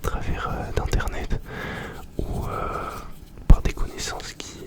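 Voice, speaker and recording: A young man doing ASMR, chatting informally in a breathy whisper right in the listener's ear, very close to the microphone. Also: takes it slowly. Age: young adult. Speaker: ASMR video host. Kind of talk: ASMR, informal question-and-answer chat.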